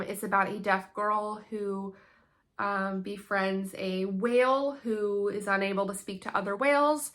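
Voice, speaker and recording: Bright-voiced enthusiastic woman chatting books. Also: mid-range voice. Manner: enthusiastic, chatty, frequent ums. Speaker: homeschool book vlogger. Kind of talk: casual book haul chat.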